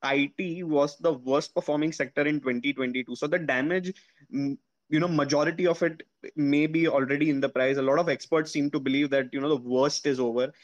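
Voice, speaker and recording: A man with an Indian accent, interviewing a guest on a podcast and asking measured questions with many fillers. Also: fairly high pitch, steady tone, muffled recording.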